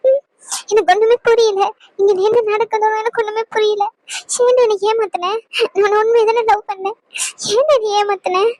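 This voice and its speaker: A woman's voice: extremely high pitch, fairly even intonation, fast talker, no echo. A woman voicing a young wife in a cartoon drama, pleading and bitterly reproachful toward her husband. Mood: hurt. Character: young wife, hurt and fed up.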